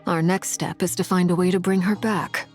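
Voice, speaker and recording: A woman playing an earnest young adventurer with a low, steady voice. She speaks plainly and evenly. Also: moderate pace, faint music behind, close to an everyday voice. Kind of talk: video game voice acting.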